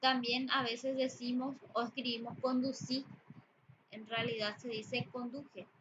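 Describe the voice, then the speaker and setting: A woman teacher giving a spoken lesson on grammar and usage, explaining slowly with pauses and fillers. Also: a little high, level tone, a bit bright. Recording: dull lo-fi audio with background noise.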